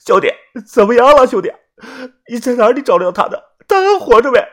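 A storyteller voicing an excitable young man who pleads in a high, cracking voice close to tears, in a storybook reading. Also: brisk. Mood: frantic pleading.

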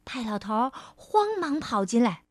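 A woman storyteller reading a children's storybook aloud in a gentle, expressive way. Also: on the high side, moderate pace, no room sound, clean studio sound. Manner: gentle, expressive, lingering on phrases.

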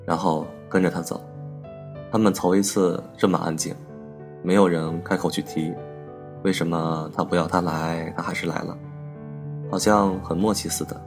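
A man narrating a personal story as a podcast host, in a calm, measured and wistful manner. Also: low-pitched, vocal fry, over music.

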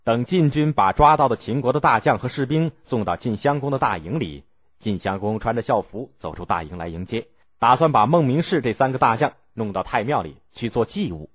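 A man narrating a historical story, animated and acting out the characters' lines as he goes. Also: mid-range voice, brisk, breathy edge.

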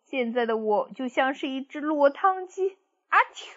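A woman's voice: high voice, animated, normal speed, dull audio, pitched above the performer's own voice. A woman voicing a boastful, hungry and hapless male grey wolf who groans and brags. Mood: sorry for himself. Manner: groaning and sneezing, bragging.

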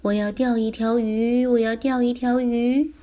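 A woman voicing an excitable little boy who chants eagerly while he fishes, in a children's story reading. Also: sits high, normal speed, pitched above the performer's own voice.

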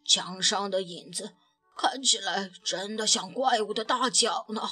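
A woman voicing a grumpy, easily frightened father bear in a children's story, gruff and loud. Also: medium pitch, unhurried, soft background music. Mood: uneasy. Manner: gruff, loud, trembling when scared. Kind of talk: storybook reading.

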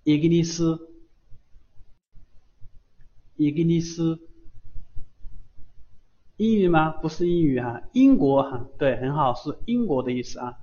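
A man's voice: on the high side, expressive, moderate pace, warm tone, highs cut off. A man teaching a beginner Japanese lesson on a live stream, patiently repeating words for students to echo.

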